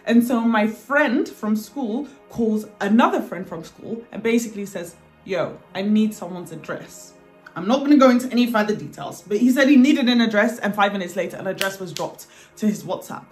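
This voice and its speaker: A woman telling her own story in a lively, dramatic way, acting out what people said. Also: on the high side, a little fast, hardly any pauses, soft background music. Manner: animated, dramatic retelling with acted quotes. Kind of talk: personal storytelling to camera.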